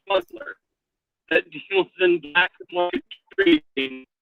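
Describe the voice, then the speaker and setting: A man chatting casually as a podcast guest, halting and restarting, over a remote call mic whose audio clips into glitchy robotic distortion. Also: very high-pitched, very animated, vocal fry, no echo, phone-quality sound, soft background music. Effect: clipping, glitchy robotic digital audio. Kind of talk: casual chat.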